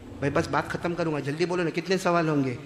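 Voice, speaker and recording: A man preaching a sermon to a gathering, passionate, swinging between loud chanting and calm talk and calling on the crowd to answer back. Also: fairly high pitch, big-room sound, background noise.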